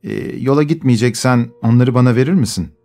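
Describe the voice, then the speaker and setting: A man voicing a pushy young coachman who wheedles and hesitates with a drawn-out "e" sound. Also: mid-range voice, mellow, lightly acted. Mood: wheedling. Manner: nudging, starts lines with hesitant "e".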